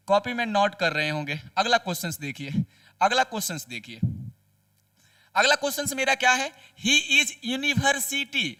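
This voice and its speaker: A man teaching grammar with a Bihar accent, his voice high and ringing. He keeps asking the class questions and answering them himself, and he sounds a little distant from the microphone. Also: bright, forceful tone. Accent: Hindi-speaking Bihar. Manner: repeats each answer after asking it aloud. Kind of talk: grammar lesson with rhetorical questions.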